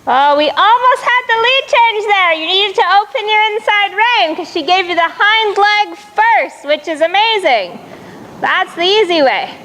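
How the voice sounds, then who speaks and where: A woman coaching a riding lesson, projecting brisk, encouraging commands to her student in a riding arena. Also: very high voice, animated, sharp tone. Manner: encouraging, praising the rider. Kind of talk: live riding lesson instruction.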